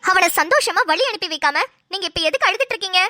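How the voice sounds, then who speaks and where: A woman's voice: very high-pitched, lively intonation, very fast, pushed and bright, dry recording, clean studio sound, heavily acted. A woman voicing a sarcastic daughter-in-law who mocks her in-laws, in cartoon voice acting. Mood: chiding. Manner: sarcastic, mocking.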